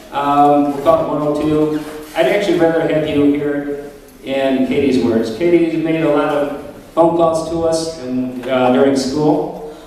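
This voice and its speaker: Middle-aged man, slightly high voice, rambling informally through a father of the bride speech in a very echoey hall. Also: darkish tone. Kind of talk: father of the bride speech, humorous anecdotes at a wedding reception. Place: large wedding reception room. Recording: very echoey hall, distant mic, crowd noise. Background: reception crowd.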